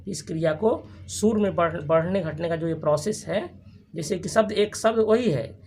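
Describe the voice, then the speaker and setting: A teacher giving a grammar lesson to a class, repeating each term and asking quick questions for the students to answer back. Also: mid-range voice, a little mellow, slight background noise. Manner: frequent restarts and checking questions. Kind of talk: classroom lesson with call-and-response.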